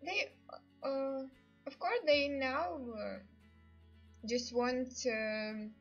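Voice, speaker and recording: A Ukrainian woman chats with her livestream audience, giggly and unsure in her English, with an Eastern European accent. Her high-pitched voice is expressive and very slow, with vocal fry. The audio is dull lo-fi stream sound, with music playing behind her.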